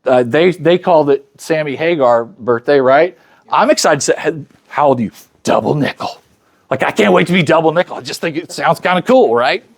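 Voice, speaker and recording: A man's voice: on the high side, lively intonation, a little fast. Chatty fifty-something man giving a talk. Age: 50s. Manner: conversational, acts out quoted dialogue; chatty, speaks directly to the crowd. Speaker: luncheon speaker. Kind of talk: motivational talk to an audience.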